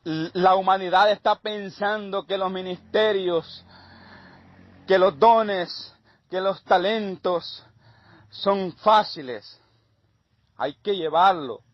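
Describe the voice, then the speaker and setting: Man, preacher, sermon testimony, emphatic, repetitive rhythmic phrasing, somewhat high voice, muffled dry recording. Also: no echo.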